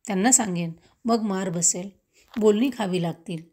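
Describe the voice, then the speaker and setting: A woman's voice: medium pitch, moderate pace, dark tone, natural voice. A woman voicing a stern, loving village mother who firmly scolds her son in a read-aloud story.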